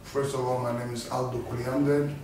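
With a medium pitch, little pitch movement and a moderate pace, a man from Senegal, a boxer and rapper, casually introduces himself to the camera while rambling and restarting phrases. The setting is indoors in front of a studio backdrop. A noisy background and music come through the distant, very echoey recording.

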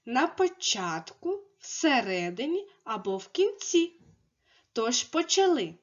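A woman teaching a speech lesson to young children, speaking slowly and enunciating clearly as she coaxes them to repeat after her. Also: sits high, very animated. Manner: slow, clearly enunciated, coaxing. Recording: dull lo-fi recording.

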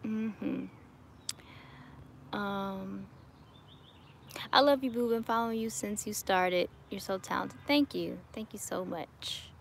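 A woman's voice: mid-range voice, fairly even intonation, slow pace, vocal fry, long pauses, slight background noise. A woman in her late twenties chatting casually with viewers on a livestream, upbeat and laughing often, recorded outdoors on a phone at arm's length. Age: 20s. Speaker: YouTuber answering live chat. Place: outdoors in a home garden. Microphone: webcam or phone at arm's length.

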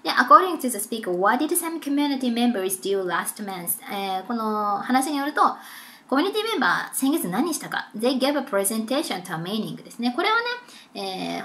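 Woman tutor, young adult, chatty, animated pitch, higher voice. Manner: chatty, mixes Japanese and slowly read English. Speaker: English test tutor. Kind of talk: casual explanatory lesson.

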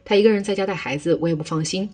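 一个女人为一位强势自私的婆婆配音，语气平直，像照本宣读。. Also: female voice, mid-range voice, racing, a little mellow, natural voice. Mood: scheming. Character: stern older mother-in-law, self-serving and blunt.

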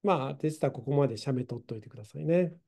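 Mellow-voiced man teaching English grammar. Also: mid-range voice, racing, creaky. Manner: patient, explanatory, with many fillers. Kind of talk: online English grammar lesson.

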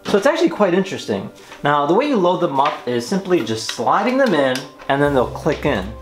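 Very animated and a little fast, this twenty-something man's slightly high voice leads a toy unboxing and demo in an eager, laid-back way. Background noise, clear music and a roomy echo are all audible.

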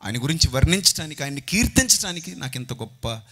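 A man preaching a sermon into a handheld microphone, impassioned, rising to loud outbursts and dropping to near-whispers. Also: fairly high pitch, sing-song, fast.

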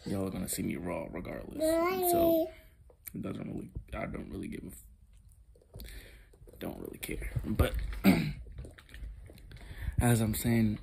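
A young man vlogging at home early in the morning, talking in a hushed, rambling, slangy way about spiritual ideas. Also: wildly swooping pitch, measured pace, creaky, long pauses. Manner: rambling, hushed and low-key, with slangy asides. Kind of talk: casual spiritual monologue to camera. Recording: loud background noise.

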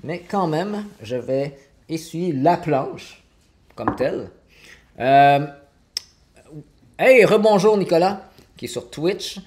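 A man's voice: fairly high pitch, animated, slow pace, pauses often, a little mellow. Québécois guy in his 40s doing a live cooking stream in his kitchen, lots of euh, chatting with viewers. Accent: Québécois French. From Quebec. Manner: chatty, many fillers, answers chat viewers. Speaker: cooking livestreamer. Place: home kitchen indoors. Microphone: fixed camera on counter.

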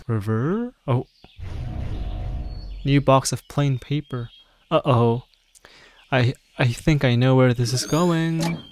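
A man's voice: mid-range voice, slow, pauses often, a little mellow. A young man doing casual let's play commentary, reading game dialogue aloud. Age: young adult. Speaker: gaming streamer. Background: game music.

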